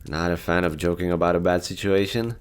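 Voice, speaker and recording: A deep, fairly quick male voice, clean-toned and close to everyday speech. In an audio roleplay he plays a lonely, easygoing survivor of a nuclear apocalypse, talking casually and candidly with some hesitation in an upbeat mood.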